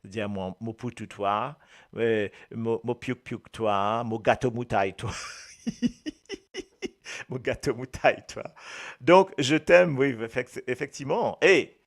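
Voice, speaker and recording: A man with a Mauritian accent giving a casual, animated language lesson, often repeating his words and joking. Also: medium pitch, a little slow. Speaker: Creole language presenter.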